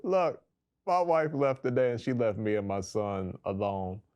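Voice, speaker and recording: A man hosting a casual talk show, joking and bantering in an animated way. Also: lowish voice, measured pace, clear, resonant tone, highs cut off.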